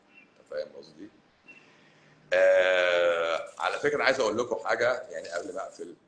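A man from Cairo with an Egyptian accent, a doctor talking bluntly and emphatically to viewers on a livestream, swinging between loud and hushed. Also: low voice, reverberant, slight background noise, low-quality recording. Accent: Egyptian Arabic, Cairo. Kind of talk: livestream talk answering viewers.

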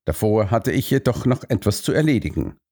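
A man reading a first-person story aloud as an audiobook narrator, in a measured, expressive way. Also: fairly low pitch, husky.

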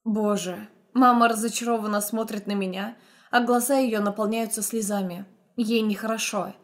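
A woman's voice: mid-range voice, fairly even intonation, moderate pace. A young woman narrating a first-person audiobook in an intense, emotional storytelling manner.

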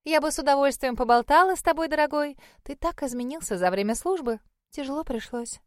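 A woman voicing a chatty, fussy middle-aged lady who talks high and effusively. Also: fairly quick, no echo, studio quality, natural voice. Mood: gushing.

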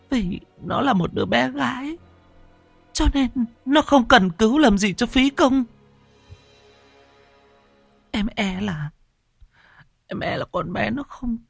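A man's voice: high-pitched, animated, takes it slowly, creaky, pauses often, no room sound, soft background music, pitched above the performer's own voice, exaggerated voice. A man voicing a frightened young female servant who stammers and pleads through tears. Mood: tearful.

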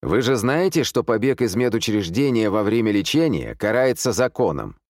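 A man's voice: fairly low pitch, sing-song, normal speed, a little mellow, no echo, clean studio sound, pitched above the performer's own voice. A man voicing a stern police sergeant on the phone, cold and official.

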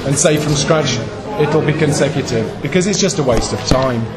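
An English man, an interpreter, giving feedback in a group discussion, pausing with many ums as he thinks aloud. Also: mid-range voice, a loud crowd. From England. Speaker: conference interpreter.

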